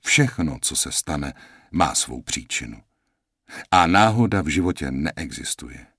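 A man with a very deep, husky voice reads a first-person audiobook. He narrates calmly and reflectively at a measured pace. The sound is dry and close. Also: no echo.

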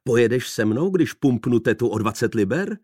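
A man's voice: mid-range voice, animated, a little mellow, no room sound, studio quality, lightly acted. A man reading the part of a jovial, mocking young man with a bantering, theatrical way of talking.

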